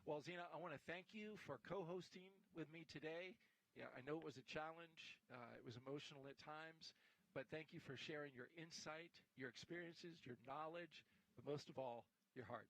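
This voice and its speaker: A man's voice: a little high, moderate pace, fairly bright tone, poor audio. A middle-aged American man hosting a live launch broadcast on a studio headset. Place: indoor broadcast studio desk.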